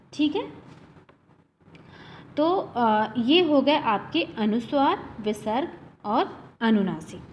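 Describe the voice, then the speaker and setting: A woman teacher giving an online class lesson, explaining slowly and patiently and often checking that the class has followed. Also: a little high, darkish tone. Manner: slow, explaining patiently with repeated "theek hai". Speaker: school teacher. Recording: dull lo-fi sound with faint noise.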